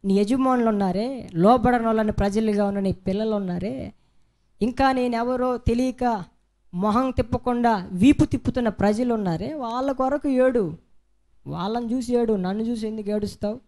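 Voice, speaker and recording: A man's voice: very high-pitched, moderate pace, a little mellow. A man preaching a sermon with fervor, firing rhetorical questions at the congregation and breaking in with repeated hallelujahs.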